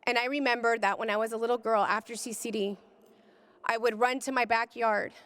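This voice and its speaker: A woman giving an impassioned personal testimony, speaking with deep feeling and rising to cries at its peaks. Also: fairly even intonation, brisk, a bit bright, clean tone, in a large hall. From California. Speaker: pro-life speaker. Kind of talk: emotional testimony talk.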